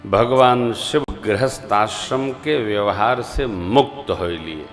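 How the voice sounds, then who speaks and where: Slow, emphatic preacher man. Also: lowish voice, faint music behind. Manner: slow, emphatic, swings between soft asides and loud rising exclamations; chants verses of scripture in a drawn-out singsong. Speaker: Ram Katha preacher. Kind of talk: devotional sermon.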